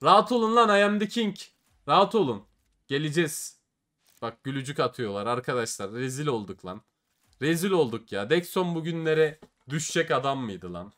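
Lively hyped young man, case-opening commentary. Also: medium pitch, normal speed. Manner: swings between loud hype and grumbling, slangy. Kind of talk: excited gaming commentary.

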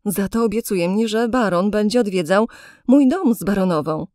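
A woman's voice: medium pitch, moderate pace, darkish tone, no room sound, natural voice. Casting: a woman doing a smug, sly male clerk, arrogant, in a dry audiobook reading.

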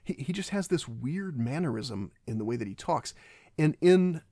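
A man's voice: medium pitch, expressive, creaky, dark tone, no echo, clean studio sound. A man giving a casual, rambling film commentary, often stopping and restarting his sentences. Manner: halting and rambling, many restarts.

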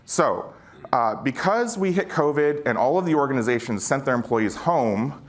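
A middle-aged man, a former security chief serving as keynote speaker, gives an informal conference talk on stage. His mid-range voice is expressive and moderately paced, and his style is conversational and slangy, peppered with rhetorical check-ins with the audience.

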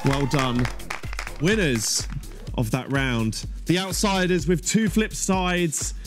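A British man hosts a studio game show in the projected style of a prize announcer. His voice sits a little high for a man, with light music behind him. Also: slow, some chatter behind.

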